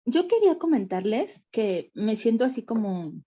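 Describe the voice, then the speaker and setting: A woman's voice: fairly high pitch, sing-song, normal speed, dark tone, highs cut off. Overwhelmed woman telling a story. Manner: candid, rambling, acts out quotes. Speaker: group participant. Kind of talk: personal account in group session.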